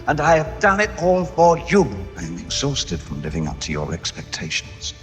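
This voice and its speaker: A man's voice: medium pitch, huge pitch swings, normal speed, faint music behind. An actor playing a weary, brooding goblin king who makes bitter, aggrieved declarations in a film scene. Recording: film clip with long reverb.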